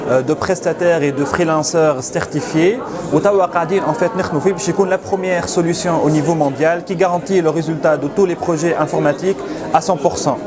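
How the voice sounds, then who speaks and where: A young Tunisian man with a Tunisian accent giving a confident startup pitch, switching between dialect and French. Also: racing. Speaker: startup director. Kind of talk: event interview pitch. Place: outdoors at an event. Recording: crowd noise behind.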